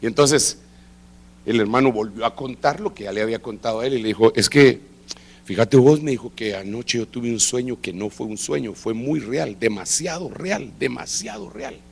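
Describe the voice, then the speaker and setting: A middle-aged man preaching, telling a testimony with lively acted-out dialogue. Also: medium pitch, moderate pace, creaky, breathy edge. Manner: animated storytelling, acting out quoted dialogue. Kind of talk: sermon testimony. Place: church service.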